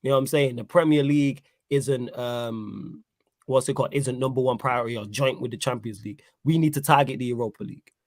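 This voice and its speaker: A man's voice: medium pitch, fairly even intonation, brisk, a little mellow, no room sound, studio quality. A man giving a casual football reaction, emphatic and repeating himself for effect. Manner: emphatic, repeats "you know what I'm saying". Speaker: football pundit.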